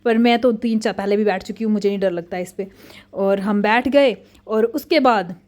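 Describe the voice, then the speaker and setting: A woman in her thirties, a mother narrating a family vlog in a chatty, excitable way. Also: medium pitch, moderate pace.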